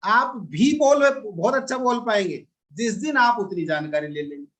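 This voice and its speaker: A man's voice: high-pitched, animated, moderate pace, a bit bright. A man giving a motivational business talk to a seminar audience, coaxing them along with frequent rhetorical tag questions.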